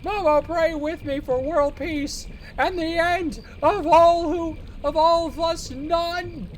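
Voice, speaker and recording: A gamer voicing a melodramatic old grandpa who rants slowly about the end of the world. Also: a little hiss or hum. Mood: ranting. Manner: shrill, slow and melodramatic. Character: ranting doomsaying old grandpa.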